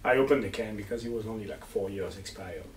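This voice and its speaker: A man co-hosting a casual wine tasting chat, joking and telling relaxed stories. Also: fairly low pitch, fast. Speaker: wine buyer and co-host. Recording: echoey room, far mic, faint noise.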